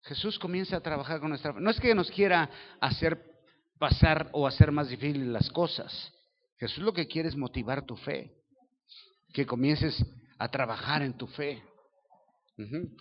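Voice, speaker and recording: Mexican pastor guy preaching, kinda high voice, acts out the voices, slightly dull recording. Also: normal speed, big-room sound. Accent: Mexican Spanish. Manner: lively storytelling, acts out dialogue voices, asks the audience questions. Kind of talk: sermon.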